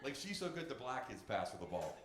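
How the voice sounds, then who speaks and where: A man's voice: medium pitch, fairly quick. Stand-up comic, middle-aged man, brash and crude, handheld mic in a roomy club, crowd laughing. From United States. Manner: brash, profane, deadpan punchlines. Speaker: stand-up comedian. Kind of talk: stand-up comedy set. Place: comedy club stage with live audience. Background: audience laughing.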